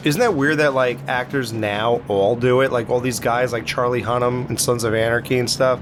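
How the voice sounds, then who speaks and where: Co-hosting a podcast, a man reviews an action movie in casual, crude banter, retelling scenes with a joking edge. His voice is medium-pitched and steady at a moderate pace, with background noise audible.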